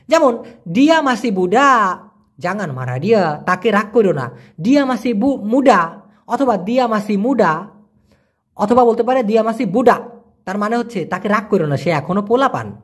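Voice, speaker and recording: A man from Bangladesh, giving a casual language lesson and patiently repeating words slowly piece by piece. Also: sits high, husky. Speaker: language teacher.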